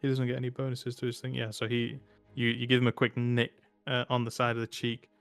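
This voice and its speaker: A man's voice: medium pitch, completely flat delivery, fast talker, vocal fry, a bit bright, soft background music. A man running a tabletop game as game master, casual and swearing.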